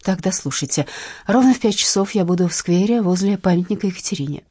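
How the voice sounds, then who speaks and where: A prickly, defiant young woman snapping back on the phone in an audiobook, voiced by the woman reading. Her voice is dark and husky, and it leaps around lively. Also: mid-range voice, quick pace, no echo, clean studio sound, pitched above the performer's own voice. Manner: blunt, rude, irritable. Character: young red-haired heroine, sharp-tongued and defiant. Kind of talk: audiobook narration.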